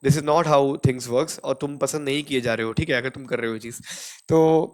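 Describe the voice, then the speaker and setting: A man's voice: medium pitch, steady tone, moderate pace. A man with an Indian accent teaching spoken English in a casual, chatty lesson, mixing Hindi and English and tagging "ठीक है" onto nearly every phrase. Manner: fillers "ठीक है" after almost every phrase; chatty, addresses viewers as brother.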